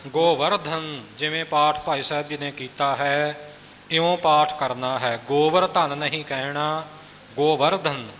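A man teaching scripture recitation, repeating lines slowly and correcting pronunciation. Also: on the high side, in a large hall, slight background noise. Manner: calm instructive corrections, repeats phrases slowly.

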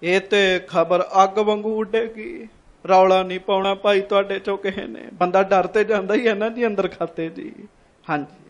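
A man's voice: high voice, steady tone, normal speed. A man preaching a sermon, retelling a story with repeated lines and questions to the congregation, and calling on them to respond.

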